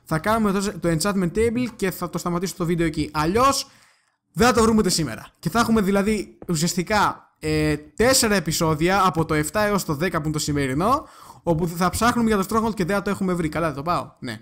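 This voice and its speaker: A young man with a high voice, running a gaming channel. He keeps up chatty let's-play commentary and talks straight to his viewers. Now and then he breaks into sudden excited yelps.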